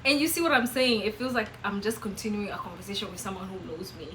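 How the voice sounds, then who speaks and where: A woman with a Kenyan accent, hosting a casual vlog and chatting to the camera with lively, emphatic jumps in her voice. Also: medium pitch, fast, a little hiss or hum, low-quality recording. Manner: animated, expressive, with sudden emphatic jumps. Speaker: vlogger host.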